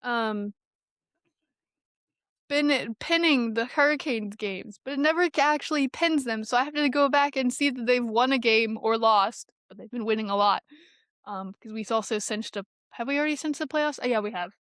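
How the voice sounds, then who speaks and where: A woman with a fairly high voice chatting casually as a podcast co-host. She talks easily and fills her pauses with ums and uhs. The recording is dry and close. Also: a bit bright, no echo. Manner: chatty, with filler-heavy phrasing.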